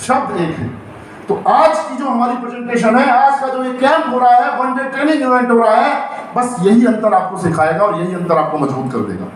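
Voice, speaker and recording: A man's voice: very high voice, normal speed. A middle-aged man giving a motivational training seminar on direct selling to a live audience, calling out questions for the crowd to answer. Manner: call-and-response with the crowd, emphatic and rousing. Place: indoor event hall before an audience. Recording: very echoey hall, distant mic, faint noise.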